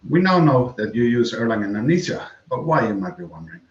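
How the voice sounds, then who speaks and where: A man from the Netherlands, a software engineer, giving a scripted conference presentation and reading prepared text evenly. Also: mid-range voice, sing-song, quick pace, slight background noise. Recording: roomy, dull home recording.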